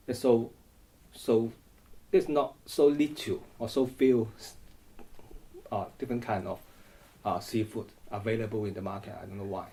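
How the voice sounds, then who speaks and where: Speaking in a warm, mid-range voice, a middle-aged man from Hong Kong gives an oral history interview. His answers are hesitant, full of restarts and repeated words.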